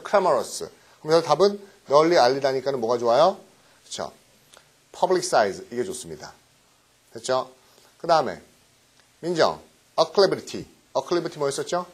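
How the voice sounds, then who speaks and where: A middle-aged man teaching English vocabulary in a recorded lecture, often quizzing his students with quick questions and tag checks. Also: fairly high pitch, slightly rough. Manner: mixes English words into explanations.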